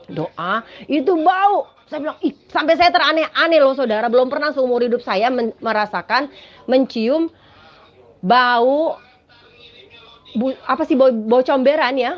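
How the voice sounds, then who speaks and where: A woman's voice: sits high, expressive, a little slow. A woman giving a spoken personal testimony, telling her story dramatically and often addressing listeners as "Saudara". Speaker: testimony speaker. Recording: dull lo-fi recording.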